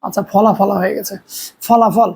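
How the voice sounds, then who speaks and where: A man's voice: high-pitched, fairly even intonation, normal speed, gravelly, breathy edge. A young man from Bangladesh giving a recorded physics lecture, explaining step by step with everyday examples and rhetorical questions. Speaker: physics teacher.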